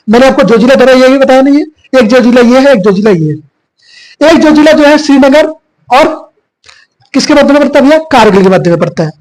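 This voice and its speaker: A man teaching a classroom geography lesson, hoarse from a cough, repeating points and quizzing his students. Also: extremely high pitch, a little mellow, poor audio. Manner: repetitive, quizzing students with filler 'bhaiya'. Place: classroom with whiteboard.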